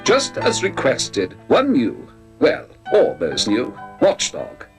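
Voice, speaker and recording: A man's voice: mid-range voice, wildly swooping pitch, slow, music in the background, full character voice. A man voicing a polite, long-suffering male robot butler who talks in a formal, dry way and calls his master sir.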